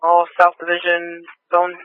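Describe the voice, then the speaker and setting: A woman's voice: lowish voice, measured pace, clear, resonant tone, no room sound. A woman working as a police dispatcher, giving terse, procedural radio updates and repeating calls. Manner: flat, procedural. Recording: muffled police scanner radio.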